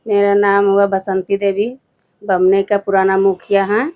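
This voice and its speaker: A middle-aged woman from Jharkhand, India, a mother and former village head, tells a reporter her account in plain speech with a rural Jharkhand Hindi accent. Her medium-pitched voice is completely flat and a little slow, and she often repeats herself and quotes others. The audio is narrow and tinny.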